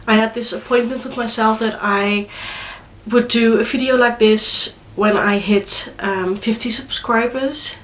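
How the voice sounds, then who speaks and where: A young Dutch woman vlogs to camera with a Dutch accent, congested from a cold and chatting casually in a hesitant way full of fillers and restarts. Her voice is on the high side with fairly even intonation and a slightly slow pace, and the room sounds echoey.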